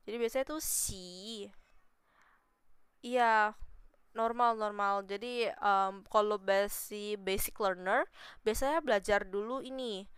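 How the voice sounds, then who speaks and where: A woman teaching Mandarin in a relaxed live stream. She speaks slowly and unhurriedly, with a very clear, clean voice, and the recording is dry and close. She chats patiently and repeats syllables to demonstrate tones. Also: mid-range voice, no echo. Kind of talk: casual live-stream language lesson.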